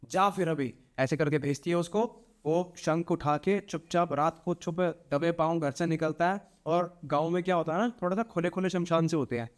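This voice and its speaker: A man's voice: on the high side, moderate pace, few pauses. A young man, a podcast guest, telling a horror story dramatically, repeating phrases and acting out voices. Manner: animated, repetitive, acts out voices.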